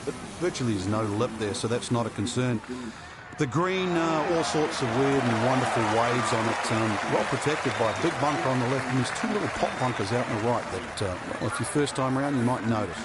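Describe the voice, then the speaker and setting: A man working as a golf commentator, giving expert analysis of the course and shots. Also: medium pitch.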